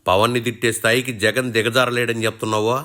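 A man's voice: medium pitch, level tone, fast talker, sharp tone. A man hosting a satirical show, teasing and mocking his guest in rustic colloquial speech. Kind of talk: mock interview banter.

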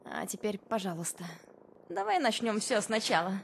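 Актриса озвучивает в игре молодую журналистку, которая искренне и нежно мирится с любимым. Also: female voice, mid-range voice, sing-song, moderate pace, vocal fry, a little hiss or hum. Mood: tender. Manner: heartfelt, apologetic and warm toward a partner. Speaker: companion character. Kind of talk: video game voice dubbing.

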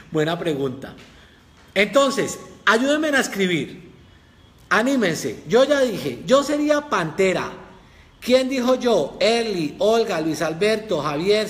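Lively high-voiced man teaching. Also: big-room sound. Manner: lively, reads out viewers' comments. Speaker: communication course instructor. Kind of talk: live online class.

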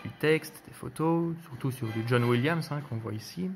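A man hosting a casual spoken review of his collection, relaxed and hesitant, with frequent fillers and restarts. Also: mid-range voice, moderate pace, gravelly, faint music behind.

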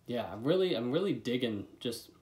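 A man's voice: medium pitch, lively intonation, fairly quick, dark tone. A young man in his twenties giving a casual, laid-back vlog review with a lip full of dip, recorded at a desk in a bedroom. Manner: laid-back, swearing freely. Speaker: product reviewer. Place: small bedroom, indoors.

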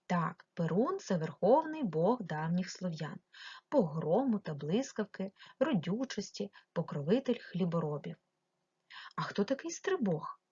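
Ukrainian-accented woman teaching kids remotely; husky, patient, clear stress, dull recording. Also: lowish voice, darkish tone, no room sound. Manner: slow, clearly stressed, addresses the child directly. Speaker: primary school teacher. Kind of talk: remote lesson for young pupils.

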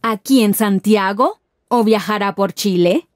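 A voice actress in a language-lesson dialogue takes the part of a friendly, curious Peruvian woman talking to a tourist. She pronounces every phrase deliberately, first slowly and then at normal speed, in a mid-range voice that is only lightly acted. The studio sound is clean, with no echo.

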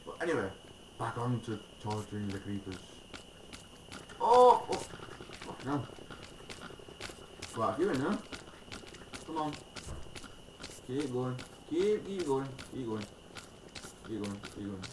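A man giving gameplay commentary, rambling and swearing, with sudden excited shouts. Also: medium pitch, measured pace, pauses often. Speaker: gaming video creator. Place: room at a computer. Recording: roomy, distant mic, loud keyboard noise.

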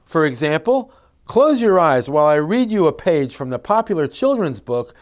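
A middle-aged male educator, recorded on a lapel mic in an indoor classroom, presents reading tips to parents. His slightly high voice keeps a moderate pace with very varied melody, and he speaks expressively, emphatically and clearly, mixing instructional narration with expressive read-aloud demonstrations.

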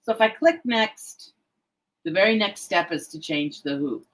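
A middle-aged woman, an embroidery software educator, walking through a tutorial in a chatty, self-deprecating way with frequent fillers. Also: mid-range voice, animated, measured pace, low-quality recording.

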